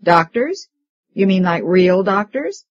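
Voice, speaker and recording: Gruff, doubting male janitor, chauvinist, put on by a husky female reader, slightly muffled audio. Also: mid-range voice, big pitch swings, slow pace, no room sound. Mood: skeptical. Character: the janitor, a skeptical, chauvinist older man.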